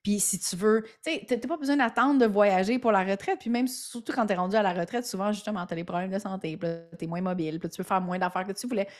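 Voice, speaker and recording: Fast-talking Québécois woman entrepreneur. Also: medium pitch. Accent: Québécois French. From Quebec, Canada. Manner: quick, emphatic, laughs often, frequent restarts. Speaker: entrepreneur guest. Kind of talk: podcast interview.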